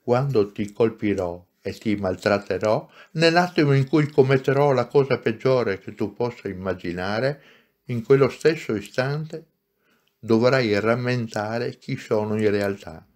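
A man reading aloud and voicing a gentle, patient spirit who speaks calmly and gravely. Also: mid-range voice, natural voice. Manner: calm, grave and slow. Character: gentle wise friendly soul, male, patient.

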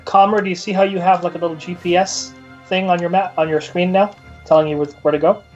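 A man talking quickly and chattily as he walks his friends through a game, in a slightly raised voice. His dull, lo-fi microphone muffles him, with faint music underneath. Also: high voice, fairly even intonation. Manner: helpful, explaining, chatty. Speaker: gamer guiding friends. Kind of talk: casual gaming chat.

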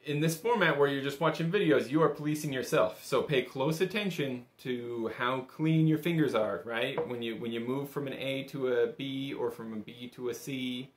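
Seated at a table in a small room with noticeable indoor echo, a young man gives a relaxed bagpipe lesson, encouraging and chatty. He speaks at a normal speed with a medium pitch and few pauses.

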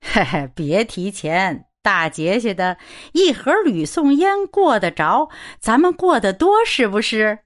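A woman voicing an older, gentle gentleman who chuckles and speaks slowly and softly in an audiobook. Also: medium pitch, big pitch swings. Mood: mild chuckling. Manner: slow, soft, chuckling.

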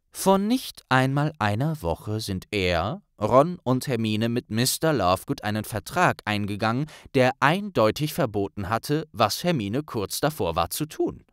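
A man narrating a fan-made fantasy audiobook in an expressive, animated reading. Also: medium pitch, no room sound, clean studio sound. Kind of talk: storytelling narration of a fan fiction.

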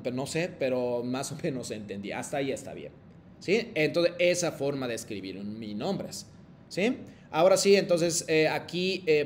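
A man's voice: on the high side, a little hiss or hum. Patient man teaching a language lesson. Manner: patient, checks understanding with frequent "¿sí?"; hesitant phrasing with many fillers. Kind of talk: language lesson with call-and-repeat drills.

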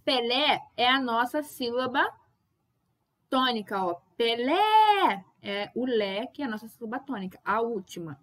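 Standing at a whiteboard, a young woman gives a Portuguese grammar lesson, patiently explaining, repeatedly checking that her students follow, and loudly calling out example words to mark their stress. She speaks at a moderate pace with a fairly high pitch.

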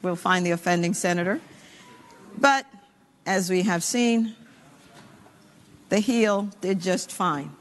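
A woman's voice: on the low side, slow, long pauses, slight background noise. A woman presiding in a legislative chamber, making formal remarks with a dry, wry manner. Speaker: senate presiding officer. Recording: long reverb of a large chamber.

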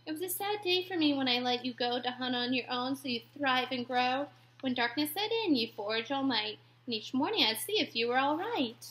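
A woman voicing a kind, caring female beach educator in a storybook read-aloud, speaking softly and gently. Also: sits high, animated, a little fast. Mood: tender.

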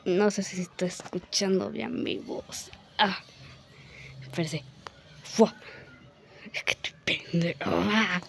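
A woman's voice: lowish voice, fairly even intonation, takes it slowly, vocal fry, long pauses, background noise. A woman giving casual gameplay commentary, playfully boasting, grunting with effort and whispering asides, her throat a little sore. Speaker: gamer.

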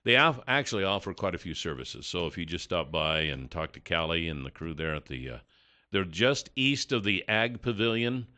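A man's voice: sits low, big pitch swings, moderate pace, bright, forceful tone. A man hosting a casual morning radio show, joking and rambling as he chats. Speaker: radio host. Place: radio studio.

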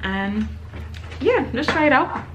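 A woman chatting casually to camera as she tastes and reviews groceries, describing each bite between pauses. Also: high voice, very animated, dull audio, noisy background. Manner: chatty, tasting and describing food between bites.

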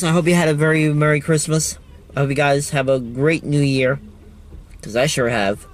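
A man vlogging trackside outdoors on a handheld phone, gushing and excitable. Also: a little high. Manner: excitable, gushing, loud whoops. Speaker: railfan vlogger. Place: outdoors by a railroad line near a store lot.

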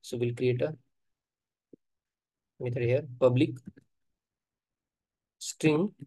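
Steady in tone and medium in pitch, a man gives a screen-recorded coding tutorial on software testing, with a dry recording. He types while thinking aloud, halting often and using plenty of fillers.

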